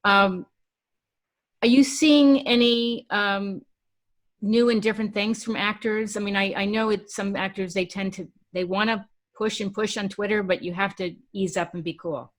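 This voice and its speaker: A woman hosting an interview podcast, asking questions in a relaxed conversational way with frequent ums. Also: mid-range voice, normal speed. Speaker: podcast host. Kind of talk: casual interview chat.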